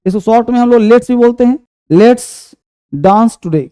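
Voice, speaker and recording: A man's voice: very high voice, a little slow, warm tone, smooth, dry recording, studio quality. A man teaching English to a class, drawing out his example sentences and quizzing the students. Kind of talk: classroom lesson.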